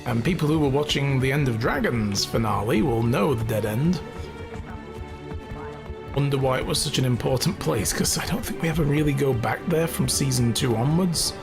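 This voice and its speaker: Higher-pitched man commentating over game music. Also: animated, moderate pace, vocal fry. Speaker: game streamer. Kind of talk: casual playthrough commentary.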